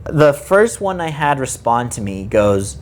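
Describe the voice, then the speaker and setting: A man co-hosting a casual podcast, ranting in an exasperated, animated way. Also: mid-range voice, measured pace. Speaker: card shop co-host.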